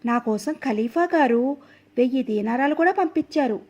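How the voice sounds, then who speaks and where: A woman's voice: sits high, lively intonation, normal speed, a little mellow, muffled recording. A woman voicing a worried, poor old mother in her sixties or older who pleads and fusses over her son in a storybook reading. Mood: anxious coaxing.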